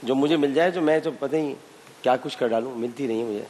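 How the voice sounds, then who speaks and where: A man's voice: medium pitch, brisk, a little mellow. A man hosting a televised quiz, teasing and pressing contestants for answers with impatient repeated prompts. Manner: impatient, needling, repeats commands. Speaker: quiz show host. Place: TV studio with live contestants. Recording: long studio reverb, faint hiss.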